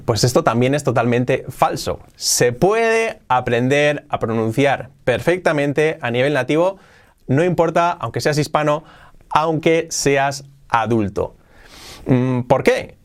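A young man from Spain with a Spanish accent, hosting a casual video lesson on learning English. He talks in a lively way and often repeats himself. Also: medium pitch. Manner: lively, repeats himself, quick asides and laughs. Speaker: English teacher, channel host.

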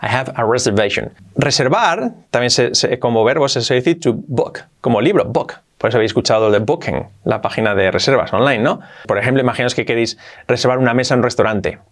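A man from Spain, teaching travel phrases in a video lesson, repeating each one slowly with lively jumps in pitch. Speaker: English teacher.

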